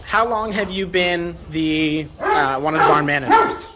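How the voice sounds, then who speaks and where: A man's voice: a little high, expressive, measured pace. A man hosting a casual on-location interview inside a barn, asking questions in an informal way. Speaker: host interviewer. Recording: noisy barn with animal sounds. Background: animals and farm noise.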